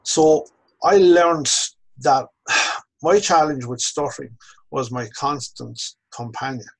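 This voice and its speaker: Over a video call webcam from a home office lined with bookshelves, an Irish man in his sixties, a course instructor, tells his own story slowly and reflectively. Measured in manner, he slows down on key phrases. His mid-range voice has vocal fry and a breathy edge, and the audio quality is poor.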